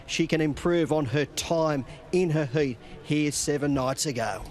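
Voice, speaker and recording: A man with an Australian accent and a fairly high voice, talking as a betting tipster. He previews greyhound races, sizing up runners and odds as a co-commentator. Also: a little slow, a little mellow.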